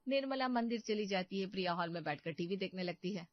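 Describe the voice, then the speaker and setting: A woman's voice: medium pitch, fast talker, no echo, highs cut off. A woman narrating a scripted cartoon story in a plain, matter-of-fact way.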